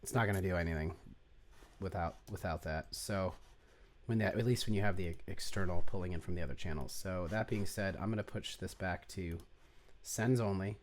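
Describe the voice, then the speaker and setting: A man with a fairly low voice talks through a music production tutorial in an offhand, unpolished way. He rambles, restarts sentences and mutters to himself while hunting for settings on screen. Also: a little fast, a little hiss or hum. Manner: rambling, self-correcting, mutters to himself while clicking around. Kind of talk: casual screen-share tutorial.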